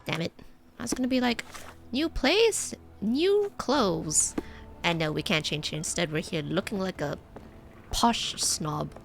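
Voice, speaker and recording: A woman's voice: low-pitched, animated, normal speed, creaky. Chatty woman streaming a game. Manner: chatty, reads game text aloud, playful asides. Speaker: VTuber streamer. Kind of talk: let's play commentary. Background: faint game music.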